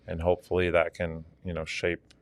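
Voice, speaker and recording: A man's voice: low-pitched, monotone, moderate pace. A man from Argentina, a fitness coach, talking earnestly as a podcast guest with many fillers. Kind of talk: casual interview talk.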